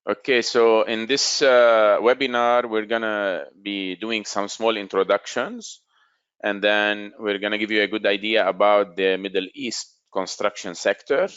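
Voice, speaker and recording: A man in his forties presenting a business webinar in a steady, explanatory way. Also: lowish voice, measured pace, clean tone, dry recording, muffled recording.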